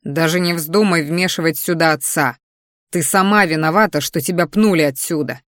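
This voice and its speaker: A woman's voice: low voice, moderate pace, dry recording, clean studio sound, close to an everyday voice. Woman doing a growling, scolding young man. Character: angry young male mage, exasperated brother.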